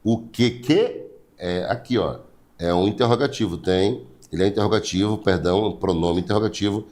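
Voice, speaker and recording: A man's voice: on the low side, normal speed, darkish tone. Brazilian man teaching a live class. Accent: Brazilian Portuguese. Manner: repetitive, explains step by step, asks rhetorical questions; greets viewers by name, blesses them. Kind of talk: online class lecture.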